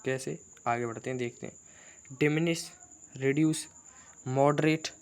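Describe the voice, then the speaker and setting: A man's voice: medium pitch, fairly even intonation, unhurried, smooth. A man teaching an exam-prep vocabulary lesson, chatty and teasing as he rattles off lists of synonyms.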